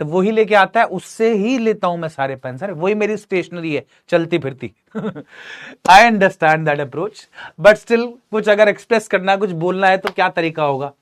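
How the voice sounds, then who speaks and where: A man teaching a grammar lesson in a lively, joking way, often asking his students questions. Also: high-pitched.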